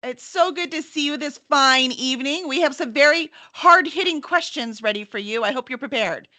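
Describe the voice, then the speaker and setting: A podcast host and editorial director gives an upbeat scripted intro and then chats casually with her guest, playful and given to mock-serious joking. Her high-pitched voice moves at a moderate pace, bright and forceful, with no room sound.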